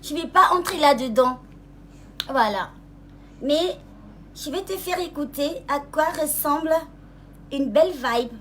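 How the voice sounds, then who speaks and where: A young woman rapper, taunting a rival in a casual live-stream monologue, sweet-talking and mocking and calling her "baby", jumping higher in pitch when she gets worked up. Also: animated, fairly bright tone, a little hiss or hum. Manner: mocking and sweet-talking, calls the listener "baby", asks "hmm?"; drawls some words slowly, voice jumps higher when angry.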